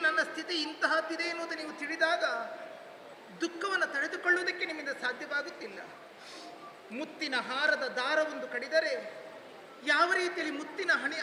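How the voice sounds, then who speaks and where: Gentle devoted young queen played by a male actor, tearful ornate declamation, live hall with crowd noise. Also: very high voice. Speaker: stage actor in a female role. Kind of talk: Yakshagana theatre dialogue. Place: temple stage, live performance. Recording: echoey hall, noisy live ambience.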